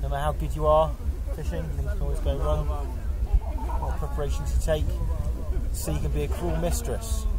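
A young man vlogging outdoors on a rocky shore, talking in a rambling, deadpan way with fillers and restarts. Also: on the high side, moderate pace, long pauses, a crowd in the background. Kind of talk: jokey outdoor vlog.

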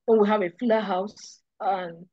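A woman speaking haltingly with many fillers in an online meeting, her call audio breaking up and dropping in and out. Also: mid-range voice, steady tone, warm tone, no room sound, dull audio. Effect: choppy call audio, volume dropping in and out. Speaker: working group meeting participant. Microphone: computer or phone mic on a video call.

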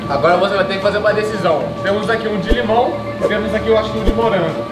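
A man's voice: high-pitched, rapid-fire. A young Brazilian man joking casually as he takes part in a challenge with friends. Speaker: challenge participant. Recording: echoey room, loud music behind. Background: loud background music.

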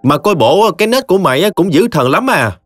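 A man voicing a nagging older sister-in-law with a Southern Vietnamese accent, scolding in a brisk way. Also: high voice, very animated, no echo, soft background music, voice pushed up.

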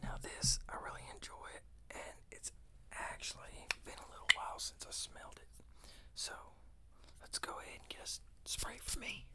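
An American man in his thirties whispers an informal ASMR product review close to a desktop microphone. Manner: slow, unhurried, informal whispering. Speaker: fragrance reviewer and ASMR host. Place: small indoor room with shelves of bottles. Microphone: close desktop condenser microphone.

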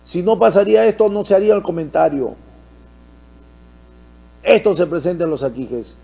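Brief: high-pitched Peruvian male opinion host, indignant, fond of rhetorical questions. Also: normal speed, vocal fry, mellow. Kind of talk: political commentary.

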